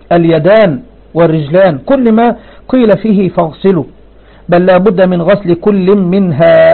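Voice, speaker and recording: A man's voice: high voice, gravelly. A man giving a religious lesson, reading lines of a text and explaining them with rhetorical questions. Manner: reads verses then explains with rhetorical questions. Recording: phone-like narrow band.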